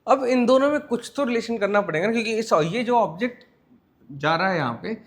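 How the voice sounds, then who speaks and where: Indian guy teaching physics class, kinda high voice, keeps asking if ppl get it. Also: animated. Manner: mixes Hindi and English, asks students frequent check questions; slow, word-by-word dictation while writing. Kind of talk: classroom lecture.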